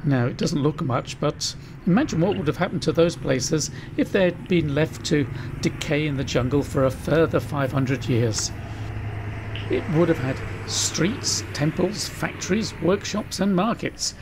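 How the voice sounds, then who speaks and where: A British man in his sixties, a travel vlogger, narrates outdoors at historic sites and in a car, holding the camera at arm's length. His voice is a little high and a little slow, and he adds dry, wry asides over a noisy background.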